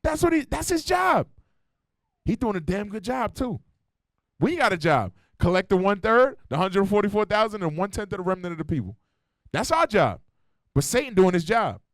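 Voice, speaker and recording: A man preaching in a high voice with a blunt, slangy, profane delivery. He keeps challenging the room with rhetorical questions. The sound is dry and close. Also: very animated, normal speed, no room sound. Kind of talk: street-style sermon. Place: church meeting hall.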